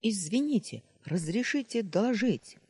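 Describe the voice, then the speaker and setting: Man voicing an eager stubborn boy, raised higher voice, husky tone, lively pitch. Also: moderate pace, full character voice. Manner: pleading, eager reporting.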